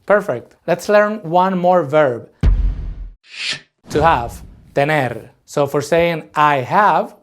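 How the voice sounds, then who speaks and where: A man from Madrid, teaching a lesson and saying model phrases slowly for learners to repeat. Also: on the high side. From Madrid, Spain. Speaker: language teacher. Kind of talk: scripted language lesson.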